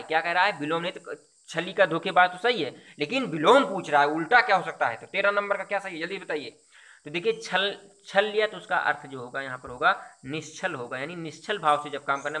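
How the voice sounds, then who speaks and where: A man's voice: fairly high pitch, bright, forceful tone. A man teaching Hindi, going through exam questions one by one, explaining each answer with repetition and rhetorical questions. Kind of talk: exam quiz lesson.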